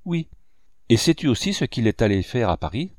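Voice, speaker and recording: A man's voice: mid-range voice, sing-song, brisk, a little mellow, no room sound, studio quality, close to an everyday voice. A man voicing a kindly older peasant foster mother who speaks in tender, emotional exclamations. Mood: serious.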